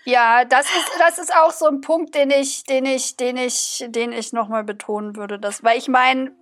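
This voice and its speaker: A woman's voice: high-pitched, steady tone, normal speed, a bit bright. A woman co-hosting a casual podcast chat, asking questions and thinking aloud with repeated words. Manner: inquisitive, thinks aloud with repetitions.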